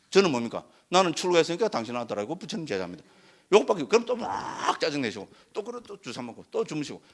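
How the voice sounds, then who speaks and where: A man's voice: a little high, gravelly. A man, a Buddhist monk giving a Dharma lecture in a conversational way, often asking the audience to agree. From Korea, Gyeongsang region. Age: 60s. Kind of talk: Dharma lecture with personal story.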